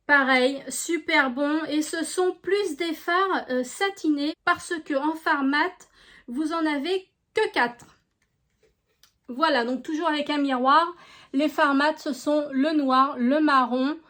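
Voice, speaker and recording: A woman with a French regional accent talks through her beauty collection in a relaxed, chatty way. Her voice sits high and she takes her time, filling pauses with little hesitations. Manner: unhurried, chatty, lots of fillers and voilà. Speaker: beauty vlogger. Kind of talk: casual product review.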